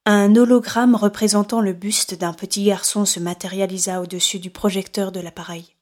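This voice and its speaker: A woman reading a horror novel aloud in steady, measured scripted narration. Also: medium pitch. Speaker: audiobook narrator.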